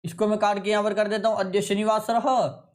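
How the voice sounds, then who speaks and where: High-voiced teacher drilling Sanskrit words. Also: male voice, flat delivery. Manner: repeats words slowly and drills answers; addresses students as companions. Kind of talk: classroom lecture.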